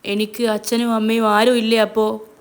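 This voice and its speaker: A woman voicing a distraught grown daughter who pleads loudly and emotionally with her parents, read as a spoken storybook. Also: a little high, flat delivery, moderate pace, natural voice. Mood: tearful.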